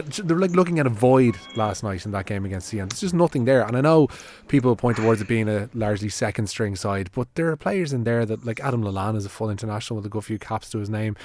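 A man's voice: lowish voice, darkish tone. A man with a wry, colourful way of talking, discussing football casually as a studio pundit. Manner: wry, colourful turns of phrase. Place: radio studio. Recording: studio with faint background noise.

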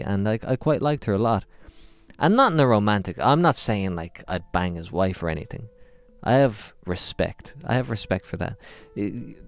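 Low-voiced comic storyteller. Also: male voice, clear, resonant tone. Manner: rambling, self-interrupting and deadpan. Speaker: podcast host.

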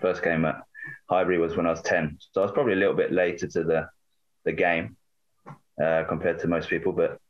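A southern English man in his late thirties speaks in a very deep voice. He wanders off on tangents, restarts himself often and talks things through aloud. His voice comes over a dull, lo-fi remote line. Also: flat delivery, a little fast. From England. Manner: rambling, self-correcting, digressive. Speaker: author and guest. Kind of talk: remote interview chat.

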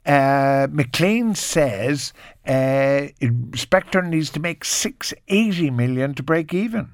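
A man's voice: on the high side, expressive, slow, clear, resonant tone, no room sound. An older man with a Cork Irish accent, hosting a radio show in casual chat and reading out listeners' texts. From Ireland, Cork. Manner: chatty, reads out listener texts. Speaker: radio host. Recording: dry studio sound.

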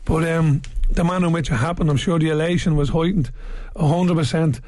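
Irish fella, voice a bit high, chatting casually on a sports panel, dry studio sound. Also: male voice, fairly even intonation, brisk, darkish tone, no room sound. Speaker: sports panel guest, football manager. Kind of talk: casual chat.

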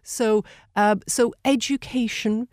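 A woman's voice: on the high side, steady tone, slow pace, darkish tone, no room sound, studio quality. A woman speaking as a panel guest, explaining her points earnestly and articulately. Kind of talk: conversational panel discussion.

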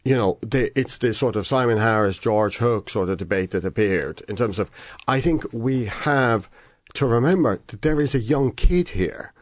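A man's voice: mid-range voice, animated, normal speed, no echo, studio quality. A man from England, a panel guest who talks thoughtfully and hedges as he goes. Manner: thoughtful, hedging restarts. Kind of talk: casual panel discussion.

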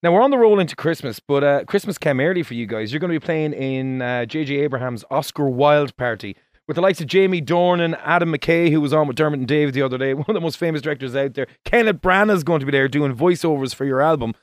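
A man's voice: a little high, animated, quick pace, dry recording, studio quality. A man with an Irish accent hosting a conversational radio interview in a chatty, complimentary way. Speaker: radio host.

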